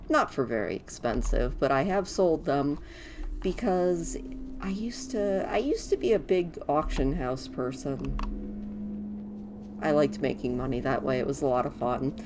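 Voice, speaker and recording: A woman's voice: low voice, darkish tone, slight background noise. A woman giving casual gameplay commentary as a guide, informal, chatty and anecdotal. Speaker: gaming guide host.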